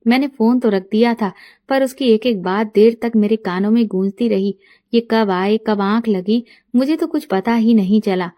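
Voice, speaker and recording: A woman in her late thirties tells her own story in the first person, gentle and reflective. Her voice is mellow and warm and sits a bit high for a woman. The delivery stays calm and inward. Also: normal speed. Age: late 30s.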